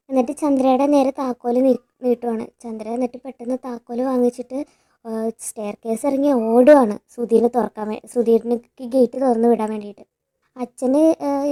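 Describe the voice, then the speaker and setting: Fast, high-voiced woman recapping a serial. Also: warm tone. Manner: chatty retelling, often ends sentences with a tag word; repeats and restarts words mid-sentence. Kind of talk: casual TV serial episode recap.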